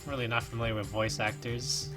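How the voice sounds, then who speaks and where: Hosting a reaction video over music, a man reads a fan game aloud and gives each character its own voice, animated despite a sore throat. His voice is mid-range and his pace quick.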